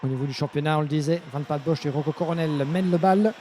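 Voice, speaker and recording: High-voiced male motorsport commentator. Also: quick pace, a little hiss or hum. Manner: excited when the action heats up. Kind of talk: live karting race commentary.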